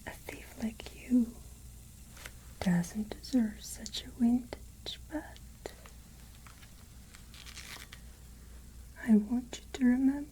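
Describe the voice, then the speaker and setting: A woman playing a haughty, menacing, ageless vampire lady of a castle in a whispered ASMR roleplay, with deliberate, imperious delivery. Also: a little high, warm tone, rough recording. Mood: menacing, condescending.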